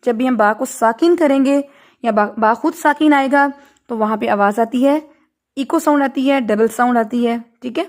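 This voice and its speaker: Woman, tajweed teacher, high voice, patient and encouraging, chants example verses. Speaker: Quran recitation teacher. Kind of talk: online tajweed lesson, correcting students.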